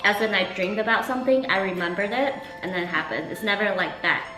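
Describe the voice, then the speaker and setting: A young woman chats informally, musing aloud as a co-host. The room is noticeably echoey. Music plays clearly behind her, along with clinks of cutlery. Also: medium pitch, fast, sharp tone. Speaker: co-host of a food show. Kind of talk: casual chat.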